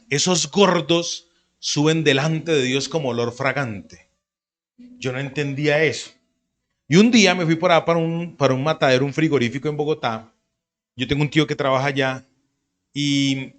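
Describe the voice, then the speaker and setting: A man preaches a sermon. His delivery is animated and conversational, and he jumps into short acted-out quotes. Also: a little high. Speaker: pastor.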